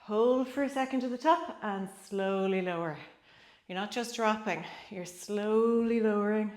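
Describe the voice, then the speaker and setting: A woman's voice: medium pitch, unhurried, darkish tone. A middle-aged woman working as an aerobics instructor, coaching a home workout with encouraging short cues and countdowns while exercising herself. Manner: exerting while demonstrating exercises. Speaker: fitness instructor. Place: small indoor home gym. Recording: echoey small room, distant camera.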